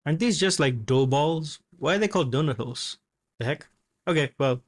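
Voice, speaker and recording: A man giving casual reaction commentary on a comedy clip, relaxed and chatty, laughing often. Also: on the high side, brisk.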